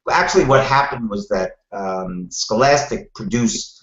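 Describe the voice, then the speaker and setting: An older man with a Brooklyn accent speaks as an interview guest, answering conversationally in a wry, deliberate way. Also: lowish voice, fairly bright tone. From Brooklyn, New York, USA. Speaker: guest, television producer. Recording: roomy, slightly muffled call audio.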